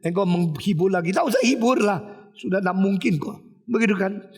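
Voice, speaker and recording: A man's voice: sits high, fast, breathy edge, long reverb tail. A man preacher voicing a grieving older widow who pleads that nothing can comfort her. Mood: despairing. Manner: pleading, hopeless outbursts.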